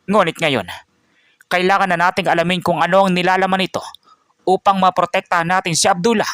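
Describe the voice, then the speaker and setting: A man playing a wise old grandfather, voice pitched high. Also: fairly even intonation, brisk, a bit bright, smooth, no room sound, studio quality. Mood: firm. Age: older. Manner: earnest, pleading, rising in alarm.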